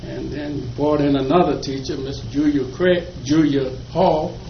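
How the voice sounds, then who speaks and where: In a slow, reminiscing oral history interview, an aging Virginian shares folksy memories of his youth with a chuckle. His voice is fairly high and a little slow, with fairly even intonation and some vocal fry. The audio sounds dull and lo-fi, recorded in an echoey room with faint noise.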